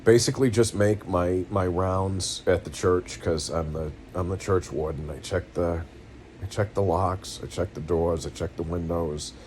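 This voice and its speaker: A middle-aged man with a New England accent, venting his feelings in a halting, rambling way, tired and close to tears. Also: deep voice, darkish tone, a little hiss or hum. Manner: halting, rambling, tearful and earnest. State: weary and in pain, close to tears. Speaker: vlogger. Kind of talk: emotional personal venting. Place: at home, seated.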